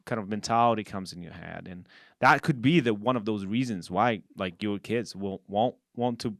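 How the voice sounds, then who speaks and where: Man, low pitch, dry close sound, halting casual talk. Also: vocal fry, a bit bright, dry recording. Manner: halting, many fillers and restarts. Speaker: podcast co-host. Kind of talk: casual conversation.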